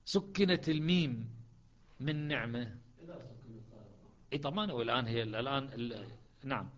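A man teaching a lesson on Quranic readings, explaining step by step and slowing into chanted recitation. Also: medium pitch, lo-fi sound.

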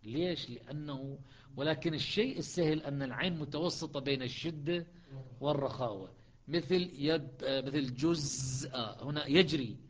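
A man teaching a lesson on Quranic readings, explaining step by step and slowing into chanted recitation. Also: fairly high pitch.

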